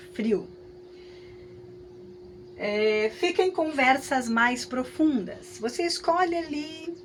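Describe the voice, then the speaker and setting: A woman with a Brazilian Portuguese accent teaching a class, talking in a lively, conversational way with frequent tag questions. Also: fairly high pitch, slight background noise. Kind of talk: lecture with hypothetical examples.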